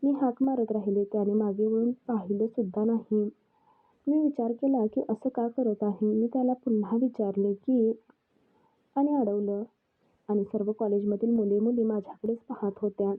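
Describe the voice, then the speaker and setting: A woman's voice: medium pitch, fairly even intonation, moderate pace. A young woman narrating a first-person story in a plain, confessional way. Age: young adult. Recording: tinny phone-like sound.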